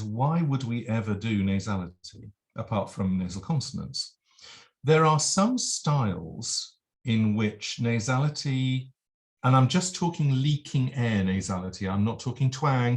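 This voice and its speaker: A man teaching as a vocal coach, explaining and demonstrating nasal and oral sounds in a lesson. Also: medium pitch.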